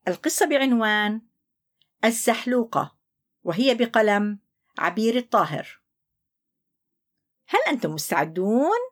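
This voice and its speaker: An older woman, a grandmotherly storyteller, reading a picture book aloud to small children in an expressive way. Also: fairly high pitch, measured pace, pauses often. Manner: warm, expressive, sing-song.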